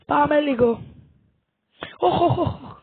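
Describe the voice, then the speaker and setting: A very high, piping voice comes through thin, tinny audio that sounds like a phone line. The speaker gives live commentary while playing, excitable and quick to exclaim, shouting orders to teammates and repeating the same phrases again and again. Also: creaky, dry recording. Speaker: gamer.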